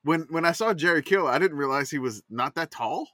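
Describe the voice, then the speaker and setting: Male co-host speaking from inside a closet; crisp, tense-edged voice with a dead, dry sound, quick to chime in. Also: fairly high pitch, lively intonation, pushed and bright, no room sound. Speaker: podcast co-host. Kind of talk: casual sports chat.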